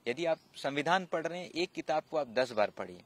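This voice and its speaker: A man's voice: a little high, expressive, brisk. A man who is a civil services officer, giving preparation advice as a guest in an interview, explaining patiently and repeating his key points.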